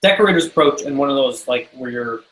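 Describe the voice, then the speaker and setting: A man in an online meeting questioning a software design, thinking aloud with many restarts. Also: mid-range voice, animated, quick pace, roomy sound, poor audio. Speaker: developer in meeting. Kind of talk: technical discussion in a meeting.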